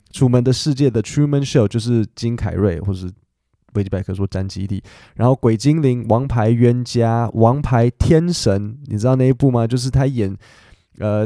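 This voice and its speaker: A man's voice: mid-range voice, warm tone, dry recording, studio quality. A man, an English teacher explaining things in a chatty podcast style, full of fillers and English asides.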